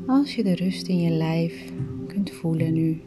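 A woman guiding a meditation in a soft, soothing voice that often drops to a breathy whisper. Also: on the low side, unhurried, music in the background. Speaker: meditation guide. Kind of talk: guided meditation.

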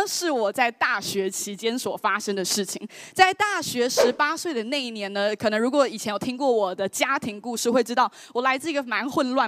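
Fast, animated woman. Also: on the high side, dry recording. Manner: animated, exclamatory. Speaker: vlogger telling a personal story. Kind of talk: lively storytelling. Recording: voice over loud background music. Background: background music.

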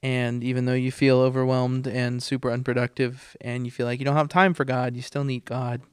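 A man hosting a casual podcast, talking in an informal, halting, self-deprecating way, close on the microphone. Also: mid-range voice, little pitch movement, smooth, no echo. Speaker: podcast host. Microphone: close podcast microphone into a mixer.

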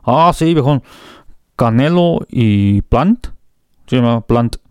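A Mexican man co-hosting a comic news show, telling stories in heavy street slang with lots of excitement. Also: medium pitch, takes it slowly, clear, resonant tone, no echo. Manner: slangy, excitable, rambling storyteller. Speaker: co-host.

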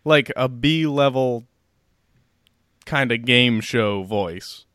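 A man's voice: medium pitch, extremely slow, fairly bright tone, no echo. Male podcast host, loose and joking, dry close-miked sound. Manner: joking, self-deprecating. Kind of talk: casual chat.

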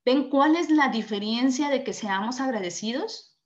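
Higher-voiced woman giving a motivational talk. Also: expressive, moderate pace, dull audio. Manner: earnest, addresses listener directly. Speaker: motivational speaker. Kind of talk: motivational talk with acted stories.

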